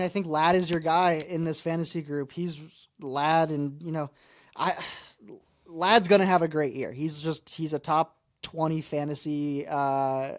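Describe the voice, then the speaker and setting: Man, podcast co-host, casual sports chat, slightly high voice, upbeat, filler-heavy. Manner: upbeat, lists stats with pauses and fillers. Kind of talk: casual fantasy football chat.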